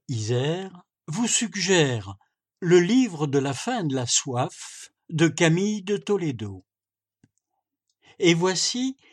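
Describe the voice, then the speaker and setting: A man reads a folk tale aloud for a talking-book library, his pitch rising and falling freely. He takes his time, with a storyteller's unhurried rhythm. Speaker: volunteer audiobook reader. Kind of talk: audiobook reading.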